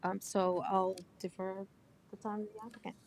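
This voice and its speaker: A woman's voice: mid-range voice, little pitch movement, moderate pace, darkish tone, slight background noise. A woman city planner presenting a project at a committee meeting, hesitant, with many ums and self-corrections. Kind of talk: staff report at a meeting.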